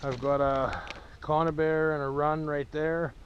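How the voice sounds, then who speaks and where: A trapper filming his own channel narrates a casual outdoor vlog at a pond, breathless after a hard walk in. His slightly high voice stays steady and measured, plainspoken, rambling and matter-of-fact. The action-camera recording sounds lo-fi with a little hiss or hum.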